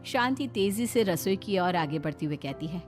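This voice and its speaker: A woman narrating a family cartoon story in a steady, expressive storybook style. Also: fairly low pitch, moderate pace, soft background music.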